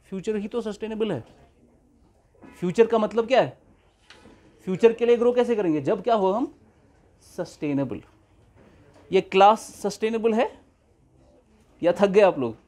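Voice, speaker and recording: A man teaching an online economics class. He switches between slow, deliberate English and quicker Hindi, and keeps checking that the class understands. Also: high voice, a little mellow.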